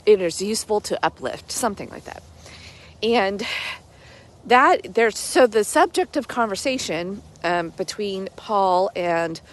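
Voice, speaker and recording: A woman talking casually outdoors in a reflective devotional vlog, halting and conversational as she thinks aloud and corrects herself. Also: mid-range voice. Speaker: vlogger giving a daily devotional. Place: outdoors among trees in light rain and snow.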